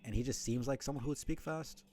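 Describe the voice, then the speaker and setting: A man's voice: mid-range voice, fast talker, warm tone, soft background music. A man from New York City streaming a game, thinking aloud in a rambling, filler-heavy way. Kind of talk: let's-play commentary.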